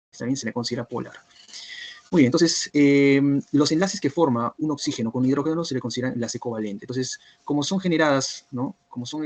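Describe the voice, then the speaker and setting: A man teaching a biochemistry review class online, who keeps checking whether students follow by asking if everything is clear. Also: medium pitch, darkish tone, dry recording. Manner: repetitive, checks understanding with "¿está bien?" and "¿cierto?".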